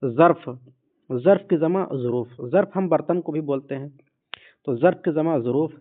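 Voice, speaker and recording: A man patiently teaching a word list, saying each word and repeating it slowly. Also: on the high side. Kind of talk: vocabulary lesson. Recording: phone-like lo-fi audio.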